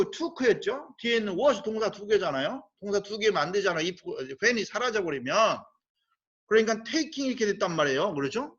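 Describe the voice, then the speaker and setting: A man teaching a high school English grammar lesson, explaining step by step, asking rhetorical questions and slowly spelling out English phrases. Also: fairly bright tone, highs cut off. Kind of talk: recorded grammar lecture.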